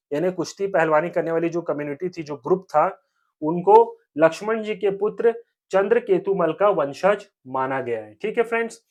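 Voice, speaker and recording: A young man teaching a history lesson for exam preparation. He keeps asking questions and answering them himself, repeats key points, and often checks in with the viewers as friends. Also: high-pitched. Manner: repetitive, asks and answers own questions; frequent 'theek hai friends' check-ins.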